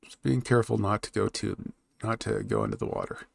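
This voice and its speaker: A man live-streaming while he draws a fantasy map, thinking aloud and chatting with his viewers in a relaxed, rambling way. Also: fairly low pitch, a little fast, vocal fry, slightly rough. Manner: thinks aloud, muttering while he works, then perks up to talk to chat. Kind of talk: casual live-stream chat while working.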